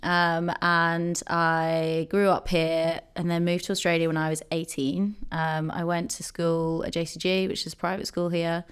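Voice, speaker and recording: Chatty woman guest on a podcast, low voice, smooth and clear, lots of ums. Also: level tone, measured pace, hardly any pauses. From Jersey, Channel Islands. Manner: chatty, many ums and likes. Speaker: podcast guest, company co-founder. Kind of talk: casual interview chat.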